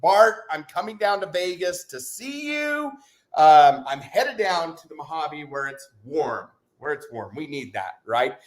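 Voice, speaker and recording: Male livestream host, upbeat and joking, lively high voice, just over covid. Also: unhurried. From Utah. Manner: exuberant, whoops and shouts, jokey. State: recovering from covid. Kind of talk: casual live chat.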